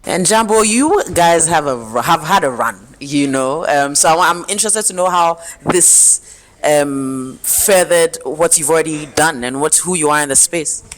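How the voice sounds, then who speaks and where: A man's voice: on the high side, normal speed, fairly bright tone. A man hosts a radio interview, putting questions to his guests in a hesitant, searching way. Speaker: radio host.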